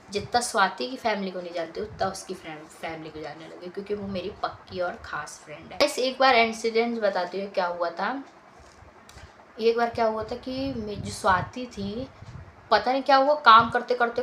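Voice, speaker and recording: A woman's voice: medium pitch, bright, forceful tone, poor audio. Chatty young woman. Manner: chatty, repeats phrases often. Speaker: vlogger. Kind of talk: casual storytelling. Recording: faint background noise.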